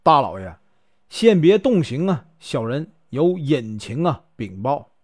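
A man's voice: fairly high pitch, sing-song, a little slow, husky, no room sound, clean studio sound, heavily acted. A man voicing a wronged young widow in a folk tale, pleading and emotional.

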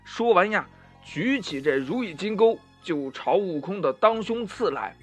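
Man, children's story narrator, high voice, slow, gentle. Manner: gentle, unhurried storytelling with drawn-out particles.

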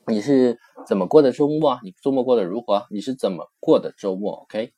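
A man's voice: mid-range voice, animated, fast talker, warm tone, husky. A man teaching a language lesson. He explains patiently, repeats each phrase several times and compares words with English. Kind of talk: recorded textbook lesson explanation.

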